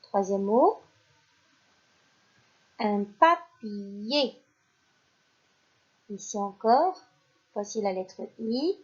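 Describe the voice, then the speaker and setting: A woman teaching a phonics lesson to young children, speaking clearly and encouragingly and praising the pupils as she goes. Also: mid-range voice, sing-song, slow pace, dark tone. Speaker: primary school teacher. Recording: dull lo-fi recording.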